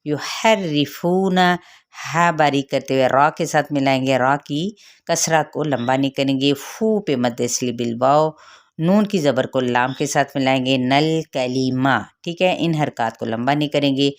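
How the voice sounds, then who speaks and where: A woman with a Pakistani Urdu accent teaches Quran recitation rules, drawing out each word slowly before explaining it quickly. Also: a bass voice. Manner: slow, drawn-out sounding of each word, then quick explanations.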